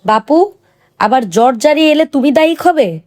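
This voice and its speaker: A woman voicing a middle-aged male village healer who speaks in a grave, measured, authoritative way. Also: mid-range voice, lively intonation, a little mellow, close to an everyday voice. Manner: grave, measured, stern then tender.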